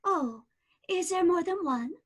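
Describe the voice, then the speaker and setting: In a radio drama, an actress portrays an eerie, composed woman in her twenties. Her very high voice is unhurried, and she speaks with a cool, knowing, quietly insistent manner.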